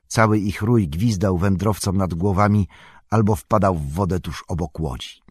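Deep, husky audiobook narrator. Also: male voice, dry recording. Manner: calm, measured storytelling. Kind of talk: scripted narration of a fantasy novel.

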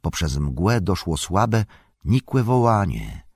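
A man reading a fantasy novel aloud as an audiobook narrator, in measured, expressive storytelling. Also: low voice, creaky, slightly rough, dry recording, studio quality.

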